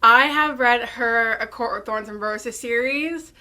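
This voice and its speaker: A woman's voice: fairly high pitch, a little slow, sharp tone. A young woman co-hosting a casual book podcast, giggly and hesitant, full of ums and likes. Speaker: podcast co-host. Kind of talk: casual chat.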